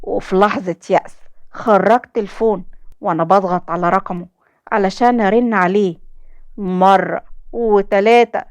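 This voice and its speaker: A woman's voice: mid-range voice, steady tone, moderate pace, long pauses, dry recording. A young woman with an Egyptian accent narrating a dramatic first-person story in an emotional, heartfelt way. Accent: Egyptian Arabic.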